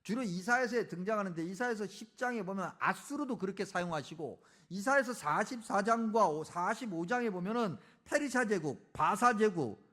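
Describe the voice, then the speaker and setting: A male pastor gives a sermon in church and acts out the speeches from the Bible. His voice is high and swoops up and down a great deal. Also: moderate pace, hardly any pauses. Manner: animated, dramatizing Bible speeches.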